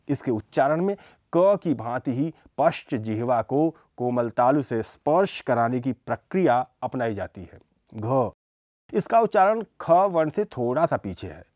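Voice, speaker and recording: Male lecturer, slow and deliberate, animated pitch, dry studio sound. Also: dry recording, lo-fi sound. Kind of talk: scripted educational lecture.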